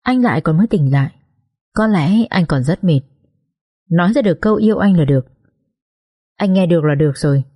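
A woman narrating an emotional first-person story in a soft, heartfelt way. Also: lowish voice, animated, brisk, pauses often, husky. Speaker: audiobook narrator.

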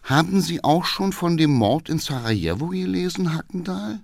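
A man's voice: moderate pace, vocal fry, dry recording, studio quality. A man reading an audiobook, voicing a fussy, irritable old privy councillor with a genteel manner. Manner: shrill when alarmed, genteel when calm. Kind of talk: audiobook character voice.

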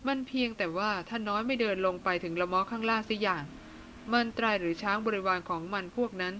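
A woman voicing a headstrong young woman who answers flatly and calmly, as if nothing has happened. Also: medium pitch, fast talker, a little hiss or hum, lightly acted. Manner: flat, matter-of-fact replies.

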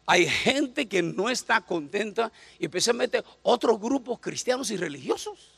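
A man's voice: high voice, animated, moderate pace, vocal fry, fairly bright tone, breathy edge. A man, preaching a joking sermon to a church congregation and often calling out to them for agreement. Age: 50s. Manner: joking, calls out to the audience with repeated "right?".

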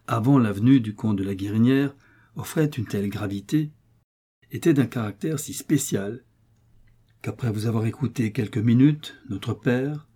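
A man's voice: medium pitch, dark tone, husky, close to an everyday voice. A man reading an audiobook voices a grieving young man who insistently presses an older lawyer.

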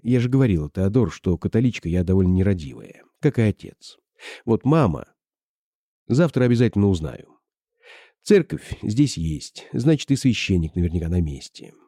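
A man voicing a gentle, earnest young woman of nineteen, speaking softly and plainly in a deep, dark voice. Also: big pitch swings, moderate pace, no echo, clean studio sound.

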